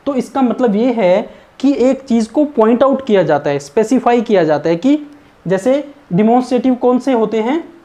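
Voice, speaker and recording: A man teaching an exam-prep English grammar lesson, reading out his example sentences slowly and deliberately. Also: very high voice, lively intonation, warm tone.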